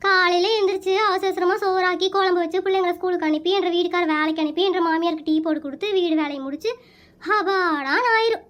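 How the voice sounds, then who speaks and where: A woman's voice: very high voice, steady tone, quick pace, a bit bright. A woman voicing a weary Kongu housewife. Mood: complaining. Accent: Kongu Tamil. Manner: plaintive, complaining. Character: weary put-upon village housewife, middle-aged. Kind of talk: comic cartoon voice acting.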